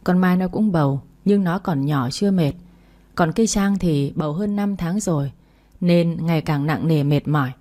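A woman reading an older mother-in-law who dotes on her grandson and keeps pressing her point. The voice is low and mellow, delivered in a fretful, insistent way. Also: normal speed, lightly acted. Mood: coaxing. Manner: fussing, insistent.

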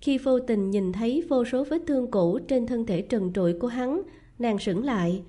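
Woman reading a romance story out loud, soft and even, fairly high voice, mellow tone. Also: normal speed. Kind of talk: scripted narration of a romance novel.

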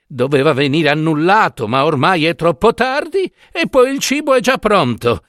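Man voicing a coaxing old woman, high. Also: sing-song, normal speed, fairly bright tone, no echo, studio quality. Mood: gossipy. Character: gossipy old woman, wheedling.

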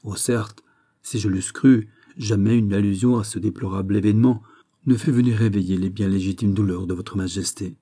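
Brief: male reader as a sly, plotting duchess in an audiobook, dark and husky. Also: lowish voice, steady tone, moderate pace, natural voice. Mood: insinuating. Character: scheming older duchess, sly and insinuating.

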